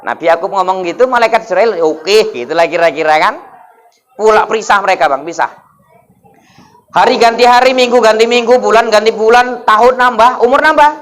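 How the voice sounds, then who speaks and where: High-voiced joking preacher man. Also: a bit bright. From North Sumatra, Indonesia. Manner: jokey, keeps asking the crowd for replies. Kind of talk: humorous sermon. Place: mosque.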